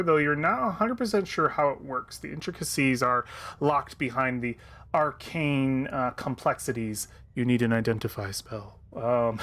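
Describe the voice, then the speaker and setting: A man with a medium-pitched voice narrates a tabletop game as its game master. His delivery is casual and conversational, with a playful streak. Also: fairly bright tone.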